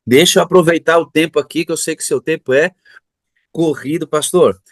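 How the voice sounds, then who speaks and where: A man's voice: fairly high pitch, brisk, dry recording. Effusive middle-aged Brazilian man interviewing. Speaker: church interviewer. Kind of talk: church interview conversation.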